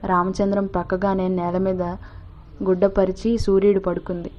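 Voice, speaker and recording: A woman narrating a story as an audiobook reader, calm and steady, in a dull lo-fi recording. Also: medium pitch, normal speed.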